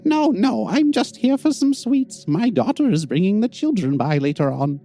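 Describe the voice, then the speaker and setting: Tabletop game townswoman played by a man: middle-aged grandma, high, genteel, gossipy, chatty. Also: sing-song, moderate pace, warm tone, full character voice. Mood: polite.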